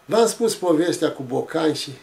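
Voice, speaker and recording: A man tells a story from his childhood. His voice sits fairly high for a man, and his delivery is slow, reflective and homespun. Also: expressive, a little mellow. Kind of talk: folksy oral storytelling.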